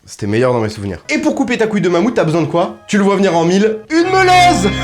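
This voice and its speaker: High-voiced crude joking cocktail host. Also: male voice. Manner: crude, ironic mock-serious patter; addresses viewer directly. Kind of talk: comedic cocktail tutorial.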